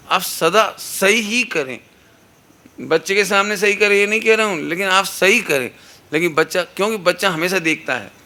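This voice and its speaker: Middle-aged guy giving a sermon, bright punchy voice, kinda high, earnest and teachy. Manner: earnest, instructive, asks the audience rhetorical questions. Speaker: religious preacher. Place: satsang gathering hall. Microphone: amplified microphone.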